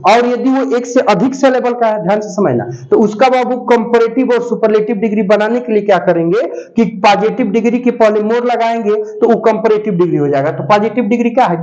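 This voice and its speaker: A man teaching an English grammar class, who repeats key points, asks students check questions and dictates notes slowly. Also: sits high, warm tone. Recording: dull lo-fi sound.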